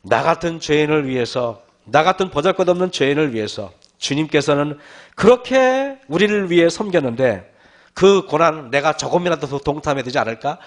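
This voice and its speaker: A pastor delivers an expressive sermon to his congregation at a moderate pace, his voice noticeably high for a man. His throat is hoarse and he clears it often. Speaking earnestly, he keeps turning to his listeners with rhetorical questions.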